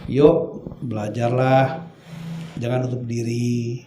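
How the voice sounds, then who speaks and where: A man's voice: medium pitch, level tone, takes it slowly, reverberant, noisy background. A man giving a candid, earnest testimony as a guest on a talk show, acting out quoted lines with animation.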